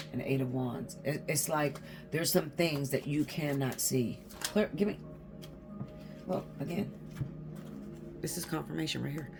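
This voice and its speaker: A woman giving a casual tarot reading to her viewers, blunt and swearing freely, often checking in with "okay?". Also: low-pitched. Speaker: tarot reader.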